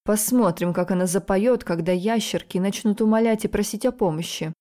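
A woman voicing a sneering male tentacled monster villain, mocking and slow. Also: medium pitch, dark tone, lightly acted.

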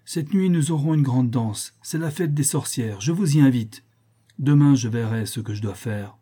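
A man's voice: mid-range voice, moderate pace, mellow, slightly rough, lightly acted. A man playing a giant tyrant king who speaks bluntly and commandingly. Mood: menacing. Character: giant tyrant African king, suspicious and threatening.

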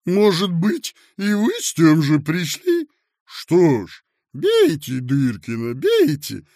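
A man voicing a short plump official who swings between shouting and sugary self-pity. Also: fairly high pitch, huge pitch swings, takes it slowly, no room sound, clean studio sound, pitched above the performer's own voice, exaggerated voice. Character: short plump official, blustering then servile.

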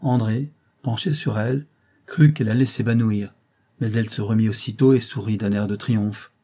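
A man reading a novel aloud in a measured, steady way. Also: lowish voice, husky. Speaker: audiobook reader.

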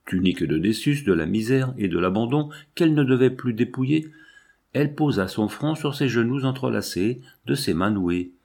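Male audiobook narrator, low husky voice, slow solemn literary reading. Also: darkish tone.

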